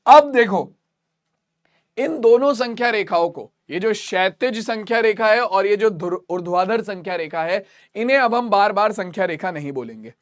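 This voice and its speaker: A man's voice: high-pitched, animated, normal speed. A man teaching a math lesson, repeating each point and quizzing his students.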